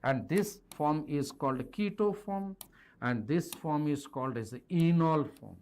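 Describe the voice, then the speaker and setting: A man's voice: a little high, lively intonation, a little slow, a little mellow. A middle-aged man with an Indian accent teaches an online lesson at a board, switching between languages and addressing his students directly. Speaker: chemistry teacher. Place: indoor teaching studio with a digital board. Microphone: clip-on lapel mic.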